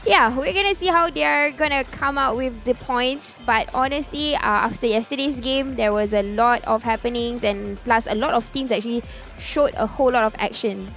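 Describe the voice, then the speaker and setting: Woman, fairly high voice, esports desk analyst, hedging and agreeable, faint music bed. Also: moderate pace, creaky, hardly any pauses, a bit bright. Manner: agreeable, hedging, frequent fillers. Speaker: esports caster.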